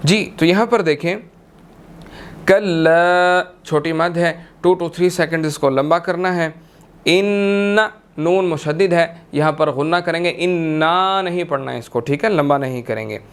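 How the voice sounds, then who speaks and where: High, smooth-voiced man teaching tajweed. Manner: slow drawn-out melodic recitation, then brisk explanation. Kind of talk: tajweed lesson with chanted recitation.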